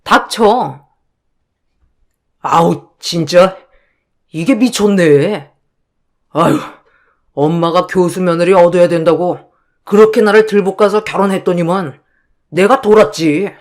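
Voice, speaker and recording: A woman voicing a hot-tempered young husband who shouts threats at his wife. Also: on the low side, slow, long pauses. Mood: bitter.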